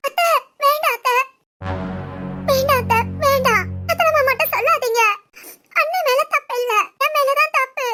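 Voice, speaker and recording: Cartoon drama: woman playing a pleading young wife, shrill and bright. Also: normal speed, long pauses, soft background music. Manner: pleading, apologetic. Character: young pregnant woman, tearful and apologetic. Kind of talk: animated family drama voice acting.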